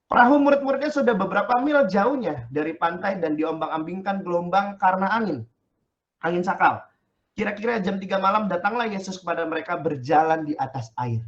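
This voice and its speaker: A male pastor preaches in relaxed slang, joking with his listeners between scripture readings. His voice sits high for a man, and the dull, lo-fi sound softens it. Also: brisk. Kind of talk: casual youth sermon.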